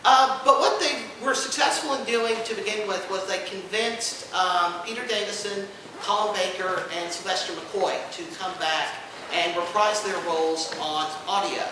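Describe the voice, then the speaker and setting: A high-pitched man speaks at a moderate pace while hosting an informal convention panel, with dry humor in his explanations. He's a podcast co-host as well. The sound carries room echo, distant-mic pickup and background noise from the indoor venue.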